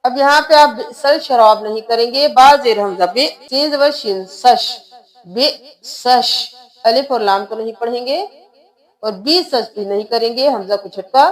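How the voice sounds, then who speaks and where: A woman teaching Quran reading, spelling out letters and slowly chanting each word, patient and repetitive. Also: a little high. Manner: patient, repeats words slowly with drawn-out chanting.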